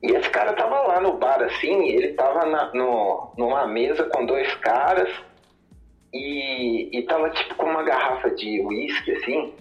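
A man's voice: mid-range voice, animated, a little slow, reverberant, faint music behind. Male caller over a muffled phone line. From Minas Gerais, Brazil. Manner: rambling, leans on fillers. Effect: heard over the phone. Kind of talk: casual storytelling.

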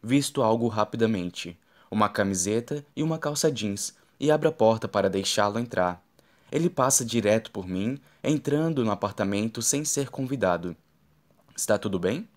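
A man's voice: lowish voice, expressive, moderate pace. Man reading a novel aloud. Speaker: audiobook narrator. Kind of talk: first-person audiobook narration.

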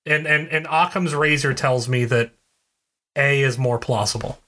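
A man's voice: medium pitch, moderate pace, sharp tone. A man co-hosting a podcast in casual chat, explaining things in a digressive way with many restarts. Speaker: podcast co-host.

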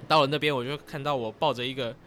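A man casually retelling a dream in a rambling, lively way as a vlogger. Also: mid-range voice, fast, slight background noise. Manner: rambling and lively, grows excited as the story goes on.

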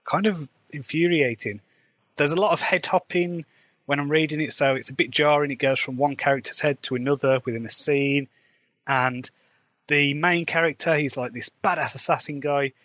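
This man from England has an English Midlands accent and hosts his own podcast as an author, rambling candidly in a casual solo chat. His voice is fairly high and fairly bright, with no room sound at all.

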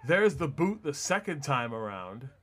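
A man's voice: medium pitch, sing-song, measured pace, a bit bright. A man working as a wrestling commentator, calling live play-by-play in short, clipped phrases. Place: large arena event with live audience.

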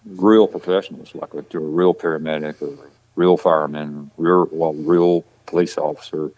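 With a rumbling low voice, fairly even intonation, and a slightly mellow quality, the man speaks at normal speed on a recording with the highs cut off. An actor guest from Georgia, USA, he has a Southern country accent and rambles through casual podcast chat, repeating words, restarting, and saying "you know" often.

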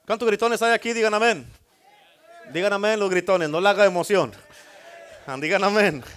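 Male pastor, middle-aged, high voice, call-and-response preaching. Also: moderate pace, a bit bright. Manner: call-and-response preaching, asks congregation for amens. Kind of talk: sermon.

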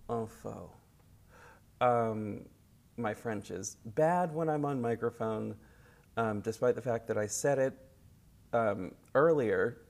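A man hosting a podcast in casual chat, recorded at his workplace instead of his studio, so the audio is lower quality and a little echoey. He rambles with lots of fillers and restarts. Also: darkish tone. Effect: lower-quality, slightly echoey recording. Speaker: podcast host.

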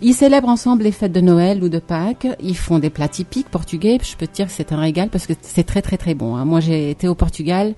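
A woman's voice: lowish voice, fast, hardly any pauses, warm tone. A woman co-hosting a radio segment in casual chat, explaining patiently and often agreeing with repeated "oui" and a tagged-on "hein". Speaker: radio co-host presenting a segment.

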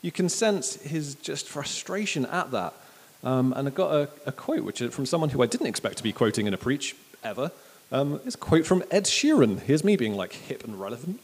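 A man preaching a sermon in a casual, chatty way, with jokes and animated asides. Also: medium pitch, a little fast, slightly rough, in a large hall.

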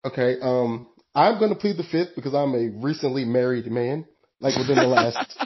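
Podcast guest, man in his twenties, easygoing, mid pitch, dull lo-fi audio. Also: moderate pace, background noise. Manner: laid-back, laughs often, says bro. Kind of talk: casual chat.

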